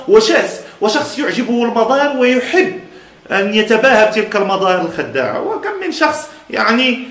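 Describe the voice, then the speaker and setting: A man's voice: sits high, a bit bright, reverberant. A man from Morocco with a Moroccan Amazigh accent, giving a casual motivational talk in an emphatic, blunt way, laughing often between points. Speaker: motivational speaker.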